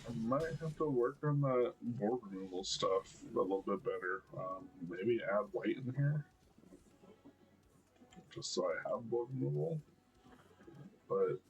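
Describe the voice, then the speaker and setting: A man with a deep, low voice giving casual gameplay commentary, talking quietly and mumbling as he thinks aloud. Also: vocal fry, low-quality recording.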